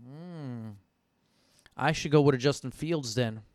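A man's voice: mid-range voice, slow, darkish tone, a little hiss or hum. A young man thinking aloud while drafting for fantasy football, casual and profane, arguing with himself over picks. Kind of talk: casual live draft commentary.

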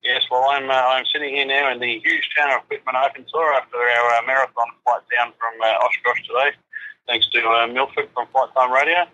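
A man's voice: medium pitch, little pitch movement, brisk, sharp tone. A tired man calling in by phone, heard over the phone speaker, chatting casually as a correspondent. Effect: phone speaker, heard over a call on speakerphone. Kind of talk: casual chat. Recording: tinny phone line on speakerphone.

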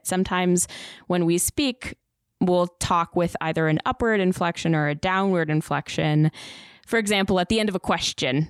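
A woman podcast producer answering interview questions about editing in a relaxed, conversational way. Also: on the low side, clear, resonant tone, no room sound, clean studio sound. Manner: relaxed, conversational, laughs lightly. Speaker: podcast producer, guest expert. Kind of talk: interview answers, casual explaining.

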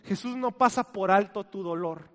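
Man, pastor preaching, high voice, long hall reverb, hushed lines then loud swells. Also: moderate pace. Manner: dynamic preaching, drops to soft near-whispers and swells loud again; asks the congregation questions and has them repeat words. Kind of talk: sermon.

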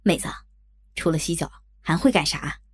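A woman's voice: low-pitched, moderate pace, slightly rough, voice pushed down. A woman voicing a brash, crude young man in an audio story, with an eager, blunt manner. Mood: leering.

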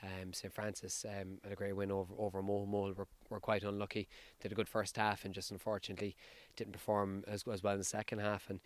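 A man with a west of Ireland accent speaks in a low voice with little melody. He is a coach being interviewed, talking off the cuff and often doubling back on words. The sound is close and dry. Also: monotone, fast talker, hardly any pauses, no echo. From County Sligo, west of Ireland. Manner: hesitant, repeating words as he searches for phrasing. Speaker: football team coach.

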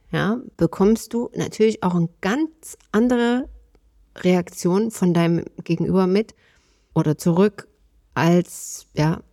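A woman's voice: fairly low pitch, mellow, dry recording, clean studio sound. A woman hosting a solo podcast, talking in a thoughtful, conversational way with many small fillers and speech. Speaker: podcast host.

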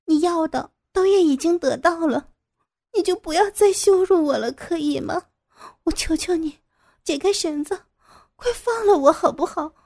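A woman's voice: expressive, moderate pace, a little mellow. Tearful pleading woman teacher, as a narrator voices her. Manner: high, tearful, stammering pleas. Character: frightened pleading woman teacher, held captive.

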